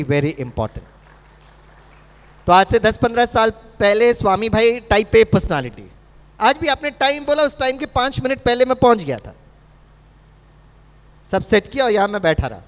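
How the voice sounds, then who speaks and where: A middle-aged man from India giving a seminar talk on heart health and meditation, telling stories and acting out dialogues, repeating key phrases. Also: sits high. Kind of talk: live seminar talk mixing Hindi and English. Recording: long hall reverb.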